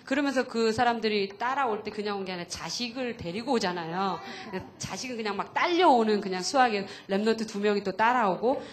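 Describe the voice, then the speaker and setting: A woman's voice: mid-range voice, brisk, hardly any pauses, a little hiss or hum. A woman, a pastor's wife, giving an earnest, chatty testimony at a church camp, full of fillers.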